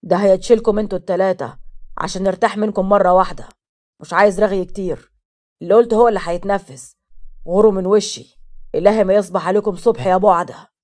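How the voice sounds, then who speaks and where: A woman voicing a harsh, domineering father who speaks in gruff, commanding Egyptian Arabic. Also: mid-range voice, fairly even intonation, fast talker, a little mellow, lightly acted. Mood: threatening.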